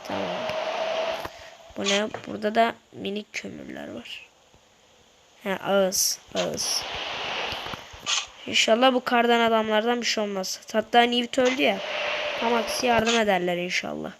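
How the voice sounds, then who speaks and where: A woman's voice: medium pitch, gravelly, background noise. A woman giving casual commentary to her viewers while playing a game, slightly ill. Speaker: gaming YouTuber.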